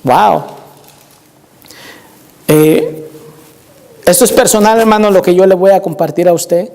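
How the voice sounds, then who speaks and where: A male pastor preaching with fervent conviction, his voice pitched high yet mellow in tone. He keeps turning to the congregation, calling them brothers as he tells his own story. The sound rings with the long reverb of a church hall. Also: a little slow. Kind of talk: sermon with personal testimony. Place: church sanctuary.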